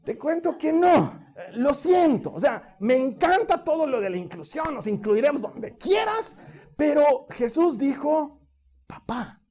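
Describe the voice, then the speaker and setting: A man's voice: very high voice, big pitch swings, unhurried, darkish tone. A man. He teaches in a chatty, explanatory way and often checks that his listeners are following. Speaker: pastor. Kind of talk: sermon.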